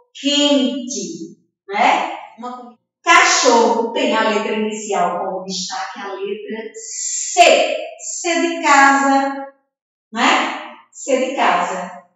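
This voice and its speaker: A woman teaching a remote first-grade reading lesson to young children, sounding out words slowly, syllable by syllable, in a drawn-out sing-song way, recorded from a distant camera mic in an echoey room. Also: fairly high pitch, fairly bright tone, lo-fi sound. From Brazil.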